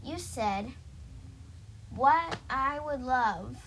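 An eager young boy with a bright, high voice, full of wonder and questions, as a woman reading a storybook puts him on. He talks slowly and clearly, as in a children's storybook. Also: expressive, slight background noise, full character voice, rough recording. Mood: insistent. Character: excited young boy friend.

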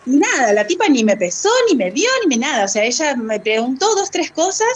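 A woman's voice: sits high, very animated, a little fast, husky. A woman guest speaking as a fat activist, telling a personal story in a hesitant way, with many fillers and laughs between phrases. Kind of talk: conversational storytelling.

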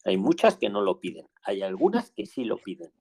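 A man with a Spain Spanish accent hosts a live call-in Q&A on asylum, offering advice in a chatty manner and often repeating himself for emphasis. His voice sits on the low side and is gravelly and darkish, with wildly swooping pitch at a normal speed.

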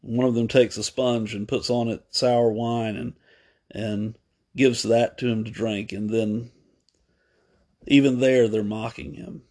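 A man preaching a sermon, retelling a story at an unhurried pace with pauses, fillers and small self-corrections. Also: medium pitch, fairly even intonation, darkish tone.

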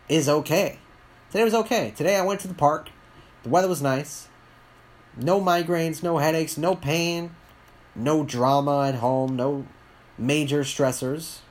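A man, talking alone on his podcast in a rambling, candid way, often halting and restarting his sentences. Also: a little high. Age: 20s. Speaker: podcast host. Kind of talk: solo podcast monologue.

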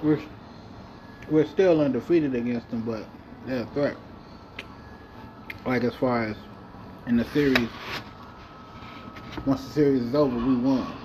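A man's voice: medium pitch, moderate pace, long pauses, muffled recording, noisy background. A man talking through a basketball video game franchise in loose, profane, rambling chat. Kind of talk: casual gameplay commentary.

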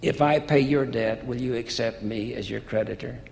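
Steady, generous mediator read by a man in a sermon; gravelly, hall echo. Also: medium pitch, moderate pace, natural voice. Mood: assuring. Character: calm generous male friend who mediates. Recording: echoey hall with faint hiss.

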